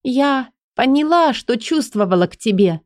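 A woman voicing a torn young woman in an audiobook, speaking high and breathless as she pleads. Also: expressive, moderate pace, dry recording, clean studio sound. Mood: tender pleading.

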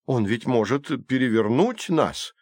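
A man's voice: medium pitch, animated, a little slow, darkish tone, no room sound, studio quality. A man voicing a wary, reluctant working man who speaks with doubt and anxiety. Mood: alarmed. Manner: doubtful, anxious.

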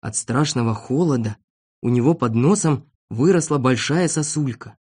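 A narrator reading a children's story aloud with lively, expressive storytelling. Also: mid-range voice, moderate pace, husky.

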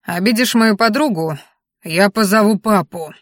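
A woman voicing a blunt, coarse orc chief's daughter with a steady, plain delivery. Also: medium pitch, normal speed, no echo, clean studio sound, lightly acted.

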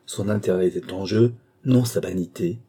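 A man narrating a classic novel in a steady, even storytelling manner. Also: low-pitched, normal speed, slightly rough. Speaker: audiobook narrator. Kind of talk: scripted literary narration.

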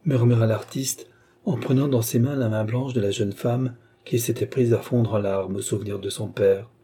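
A man narrating an audiobook novel in an even, steady way. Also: medium pitch, moderate pace, husky. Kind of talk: audiobook reading.

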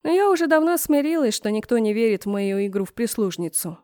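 A woman's voice: a little high, lively intonation, fast, darkish tone, no echo, clean studio sound. Woman narrating a first-person audiobook.

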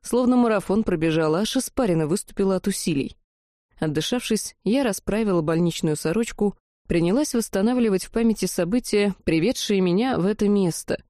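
Woman, audiobook narrator, first-person, wry lively reading, warm dark voice, dry studio sound. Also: medium pitch, fairly quick, dry recording.

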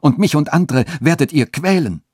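A man's voice: a little high, animated, moderate pace, darkish tone, no room sound, studio quality, voice pushed up. A man reading a radio story, voicing a frail, pious old peasant woman who pleads and laments. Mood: agitated.

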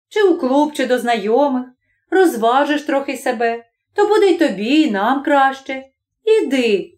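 A woman voicing a brisk housewife who scolds her husband with mocking disbelief, in an audiobook story. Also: high voice, a little mellow, pitched above the performer's own voice. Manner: scolding, incredulous.

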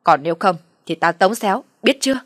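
Brief: woman playing a shrill, spiteful mother-in-law, audio story, dry close sound. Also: expressive, a little fast, dry recording. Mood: furious scolding. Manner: shrill, abusive shouting. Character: furious scolding middle-aged mother-in-law.

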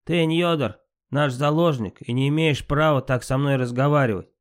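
A man's voice: medium pitch, normal speed, pitched above the performer's own voice, lightly acted. A man reading an audiobook, voicing a spiteful, insolent male trickster god of fire who talks back with scorn. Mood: defiant, mocking. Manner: mocking, defiant.

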